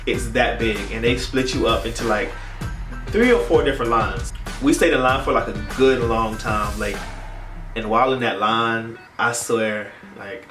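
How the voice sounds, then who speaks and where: A young American man, a YouTube vlogger, tells his story at a middling pitch and an unhurried pace. His delivery is casual and dramatic, full of playful, slangy phrasing. The distant mic picks up a roomy echo, with music playing behind him.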